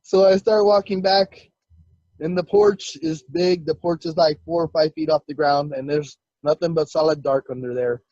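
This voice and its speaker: A man with a high, excitable voice tells his encounter story as a guest, jumping into the voices of the people he quotes and laughing as he goes. The sound is dull and lo-fi, and the room is dry. His telling is animated. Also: normal speed, no echo.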